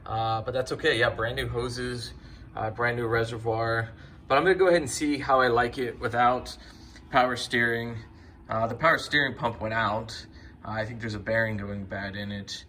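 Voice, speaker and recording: A young man hosting a car DIY video casually describes each step of a repair as he works in his garage, filling his speech with fillers. His medium-pitched, sharp-toned voice is fairly even in intonation at a moderate pace, with a little hiss or hum in the recording.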